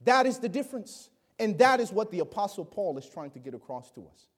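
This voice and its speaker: High-voiced dynamic male preacher. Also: sing-song, brisk. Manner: dynamic, swings from loud exclamations to quiet asides; acts out quoted voices. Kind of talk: sermon.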